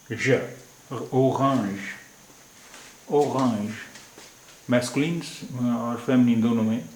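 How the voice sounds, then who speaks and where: A man teaching a language lesson, saying each word slowly and repeating it before giving its meaning. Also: medium pitch, darkish tone, roomy sound, slight background noise. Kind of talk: slow, repetitive language lesson.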